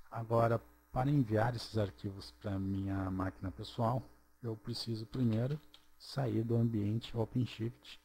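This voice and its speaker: A man talks through a computer tutorial at an unhurried, deliberate pace, pausing to check in with the viewer. His voice sits a little low and sounds soft and mellow. A faint hum runs under the recording. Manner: slow, step-by-step, checks in with "ok?" and "certo?". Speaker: programming tutorial presenter. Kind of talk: screencast tutorial narration.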